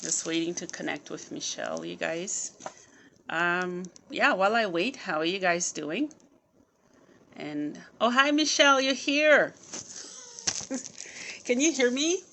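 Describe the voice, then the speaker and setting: A woman's voice: on the low side, expressive, slow pace, creaky, pauses often, slight background noise. A woman hosting a podcast over a live video stream on her phone, chatty and laughing often. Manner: chatty, laughs often, soft-spoken at the start. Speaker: podcast host. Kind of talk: casual live-stream chat. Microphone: phone on a live video call.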